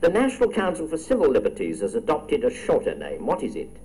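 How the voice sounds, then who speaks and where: A man's voice: medium pitch, huge pitch swings, quick pace, a little mellow, slight background noise, rough recording. A man hosting a radio quiz, reading questions and teasing contestants in chatty asides. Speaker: quiz show host.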